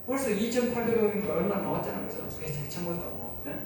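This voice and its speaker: A male pastor with a voice high for a man preaches an insistent sermon at a very fast pace, repeating phrases and firing rhetorical questions at the room. His pitch swings widely, and background noise is present. He's heard far off the mic, with long echo filling the church hall.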